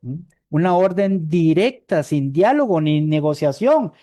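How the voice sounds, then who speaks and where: A Costa Rican evangelist preaches in a chatty, conversational way, tossing questions back to the congregation. His voice sits a little high for a man but has a mellow, warm tone. He repeats words as he gropes for the next phrase. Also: animated, unhurried, dry recording, studio quality. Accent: Costa Rican Spanish. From Costa Rica. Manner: conversational, asks the congregation "¿verdad?" often; repeats words while searching for them. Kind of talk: sermon.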